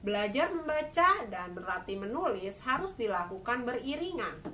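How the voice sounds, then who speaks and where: A woman's voice: a little high, sing-song, moderate pace, sharp tone, far from the mic. A woman in her thirties giving instructions to parents as a mother teaching reading, enunciating each phrase carefully. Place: small room at home, indoors. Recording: clear background noise, room ambience.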